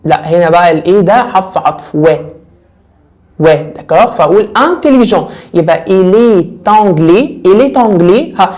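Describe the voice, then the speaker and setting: A young man with an Egyptian Arabic accent teaching French grammar in a casual, lively way. He keeps repeating words and putting questions to his students. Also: sits high, brisk. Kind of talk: casual classroom lesson.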